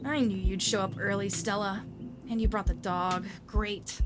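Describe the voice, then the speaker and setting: A stern middle-aged doctor, put on by a woman streamer reading a story game, who talks in a husky, smoky rasp. Her lines come out clipped and dismissive, and a soft music bed runs under the voice. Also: medium pitch, fairly even intonation, moderate pace, lightly acted. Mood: curt. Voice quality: husky smoker's voice.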